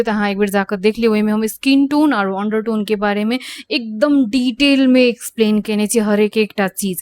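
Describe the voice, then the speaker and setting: A woman's voice: medium pitch, darkish tone, no room sound. A woman who teaches makeup. She gives a beauty tutorial and hesitates often, mixing English phrases into her speech. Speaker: makeup instructor.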